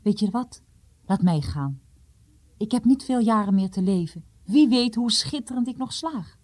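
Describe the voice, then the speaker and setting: A storyteller voicing an old, sharp-tongued elder who mocks authority. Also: mid-range voice, animated, moderate pace, voice pushed up, natural voice. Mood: earnest. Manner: mocking, then grave.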